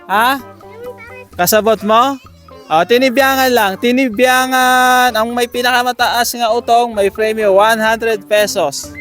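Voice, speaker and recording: A man hosting games for schoolchildren outdoors, coaxing and counting down with animated energy. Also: very high voice, unhurried, soft background music. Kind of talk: lively outdoor game hosting.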